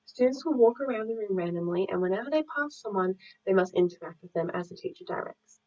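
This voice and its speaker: A woman presenting a drama lesson plan, reading in a measured, explanatory way. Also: mid-range voice, expressive, a little mellow, distant mic. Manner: measured, explanatory, reads from a script. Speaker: student teacher presenting a lesson. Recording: muffled audio, speaker away from mic.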